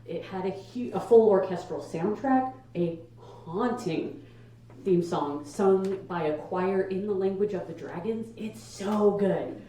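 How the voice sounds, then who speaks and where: In an echoey live room, picked up from a distance, a young woman performs stand-up. Her delivery is casual and conversational, with emphatic punches, and she speaks at a middling pitch. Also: unhurried, dark tone, a little hiss or hum. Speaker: stand-up comedian. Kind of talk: stand-up comedy set to a live audience. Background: audience laughter.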